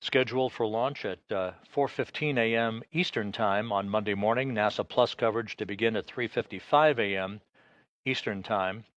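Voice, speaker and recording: A man with a fairly low voice delivers live mission control commentary. He is official and measured, pausing hesitantly as he goes. The sound is dry and slightly dull, like band-limited broadcast audio. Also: fairly bright tone, no echo.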